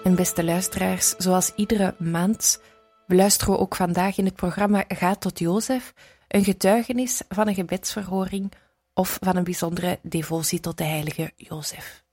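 A woman radio presenter introducing the program and addressing her listeners calmly. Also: lowish voice, moderate pace, slightly rough, dry recording, soft background music.

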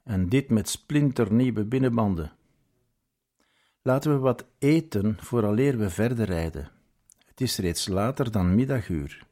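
A man doing a gruff young cyclist. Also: on the low side, expressive, measured pace, warm tone. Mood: grumbling. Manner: growling, grumbling. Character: gruff young male cyclist, restless and grumbling.

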